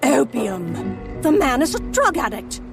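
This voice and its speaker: A woman playing a brisk, commanding Victorian lady Egyptologist who narrates and speaks in crisp, formal sentences, in a full-cast audio drama. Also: high voice, very animated, over music, exaggerated voice. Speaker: narrator and lead character.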